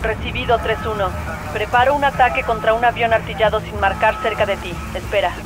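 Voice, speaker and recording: A man's voice: sits high, steady tone, a little fast. An actor playing a male military air support operator, heard as a radio transmission with clipped, matter-of-fact talk. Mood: calm. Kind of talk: video game dub.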